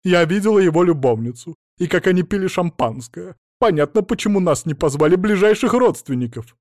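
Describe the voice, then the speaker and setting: A shrill, overbearing older woman, put on by a male narrator, her voice leaping high and loud as she screeches and rails in indignation. The sound is dry and close, a storybook reading. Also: expressive, a little fast, no echo. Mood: indignant. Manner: screeching, indignant, theatrical sobbing. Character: shrill, hysterical older woman, domineering mother.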